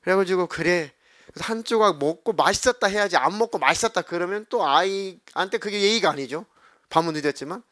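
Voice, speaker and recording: Male pastor, middle-aged, informal sermon voice with acted-out prayers, slightly high, dry close sound. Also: a little fast, fairly bright tone, no echo. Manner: conversational preaching, acting out prayers and quoted speech.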